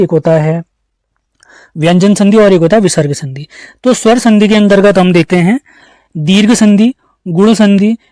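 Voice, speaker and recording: A male teacher with an Uttarakhand Hindi accent gives an online exam-prep grammar lesson in a high voice with a darkish tone. The recording is dry with clean studio sound, and he explains step by step, posing questions to the class that he then answers himself.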